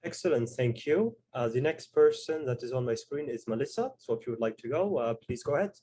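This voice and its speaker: A man's voice: mid-range voice, expressive, mellow, slightly rough. Man hosting a video call panel. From Tuareg heritage. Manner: measured, explanatory, frequent fillers. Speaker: host and moderator. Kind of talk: moderating a video call discussion.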